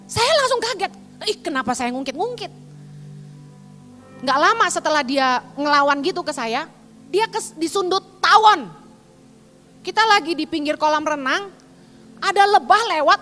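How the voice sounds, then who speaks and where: A woman preaches in a bright, high voice, telling a story with animated, dramatic bursts. Her voice rings with the long reverb of a large hall. Soft music plays faintly behind her. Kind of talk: sermon with personal testimony.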